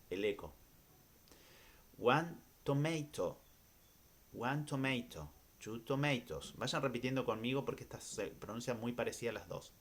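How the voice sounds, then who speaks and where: A man with an Argentine Spanish accent teaching an English lesson, repeating each word pair slowly, often checking with a quick question and pausing on fillers. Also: medium pitch, slightly rough. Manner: hesitant, many "eh" fillers. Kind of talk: recorded classroom lesson.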